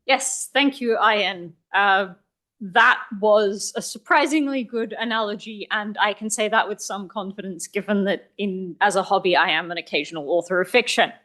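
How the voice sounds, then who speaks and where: A woman's voice: mid-range voice, normal speed, a bit bright. A woman hosting a tech meetup, making chatty, lightly joking announcements to a live room. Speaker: meetup host. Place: meetup venue, live audience.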